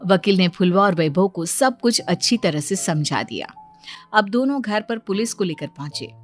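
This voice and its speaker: Medium-pitched woman narrating a cartoon story. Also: lively intonation, moderate pace, faint music behind.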